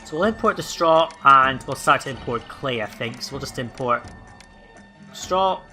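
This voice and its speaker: A man hosting a let's play, giving relaxed gameplay commentary and thinking aloud with plenty of ums and uhs. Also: mid-range voice, moderate pace, faint music behind.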